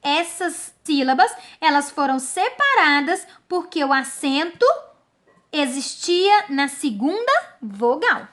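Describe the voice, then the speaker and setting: A woman teacher giving a lesson, spelling out examples slowly and pointing at each one. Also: sits high, big pitch swings, fairly bright tone. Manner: slow, drawn-out word by word, pointing at examples. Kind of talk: classroom lesson on syllable division.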